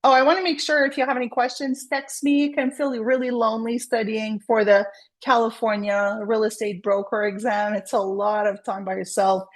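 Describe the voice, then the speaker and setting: A woman whose first language is French gives study tips in a casual tutorial vlog, though she is a real estate agent. Her voice is a little high and level at a moderate pace, and she is chatty and encouraging, with many fillers and restarts.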